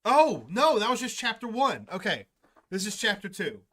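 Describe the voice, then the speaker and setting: A gaming YouTuber reads visual novel dialogue aloud with lots of expression, reacting as he goes and sometimes tripping over long words. His voice is mid-range and his pace is normal.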